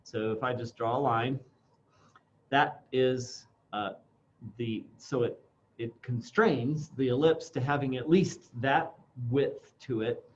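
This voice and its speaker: A man teaching an informal classroom software demonstration, speaking haltingly through a face mask and thinking aloud as he goes. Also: mid-range voice, fairly even intonation. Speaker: instructor. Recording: dull lo-fi sound, faint background noise.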